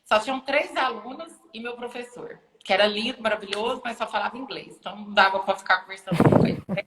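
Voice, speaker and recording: A woman, a lawyer and university lecturer, chatting casually in a live video stream. She tells her story with animation and acts out other people's lines with big leaps in pitch. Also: fast, noisy background. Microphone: phone or laptop live stream. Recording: echoey room with long reverb.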